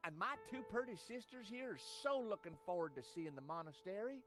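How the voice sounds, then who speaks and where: A man's voice: sits high, expressive, a little fast, fairly bright tone, soft background music, pitched above the performer's own voice. An actor voicing a game hero who puts on a Southern US accent to play an overeager, nosy male tourist. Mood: gushing. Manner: gushing, wide-eyed, playing dumb.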